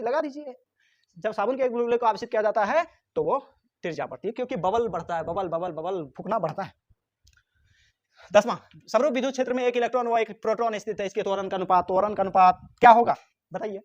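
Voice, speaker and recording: A man's voice: sits high, highs cut off. A man teaching physics exam questions, teasing and scolding his students, sometimes answering for them. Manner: answers for students himself in their voice. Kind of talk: exam-prep lesson, question by question.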